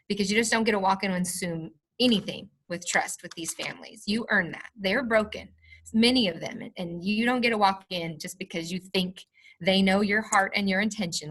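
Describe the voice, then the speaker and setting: A woman's voice: mid-range voice, fairly bright tone. A woman, a school administrator, speaking earnestly and passionately in a podcast interview. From Missouri, USA. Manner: earnest and passionate, stressing words. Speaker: alternative school administrator, guest.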